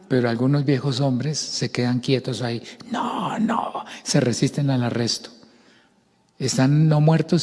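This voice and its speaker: An older man with a Bogotá accent preaching a sermon, expressive, acting out voices and shouts. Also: mid-range voice, in a large hall. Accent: Colombian, Bogotá.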